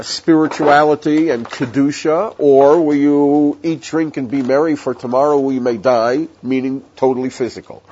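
Slightly rough, darkish and mid-range, the voice belongs to a Torah teacher whose recorded class rambles conversationally, jokes included. Faint hiss runs through the dull, lo-fi recording.

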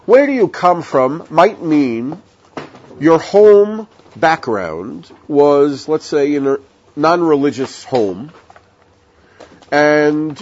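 A man's voice: medium pitch, darkish tone. Man teaching Torah, lo-fi recording. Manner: conversational, digressive, tells jokes. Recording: dull lo-fi audio with faint hiss.

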